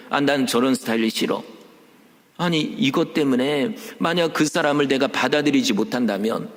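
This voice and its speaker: A man preaching a Sunday sermon as pastor, animated and full of rhetorical questions, acting out quoted voices. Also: mid-range voice. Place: church sanctuary. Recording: long church hall reverb.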